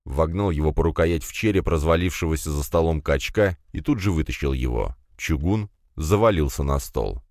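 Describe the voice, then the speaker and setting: A man narrating a fantasy audiobook in an expressive, dramatic manner. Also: a bass voice, normal speed, hardly any pauses, no echo, clean studio sound.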